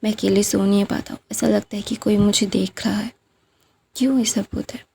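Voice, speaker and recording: Anxious young man, pleading questions, gravelly low-key voice, as a woman reads him. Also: fairly even intonation, brisk, mellow. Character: anxious young man, troubled by being watched.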